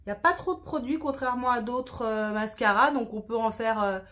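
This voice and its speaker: A woman's voice: a little high, a little fast, fairly bright tone. A woman chatting through a makeup tutorial in a casual, self-deprecating way, sprinkling in English words. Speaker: beauty vlogger.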